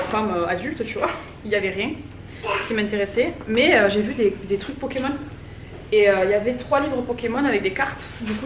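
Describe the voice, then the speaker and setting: A woman in her thirties from France, chatting casually and rambling to camera at home while folding laundry. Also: on the high side. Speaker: vlogger. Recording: roomy echo, distant mic, background noise.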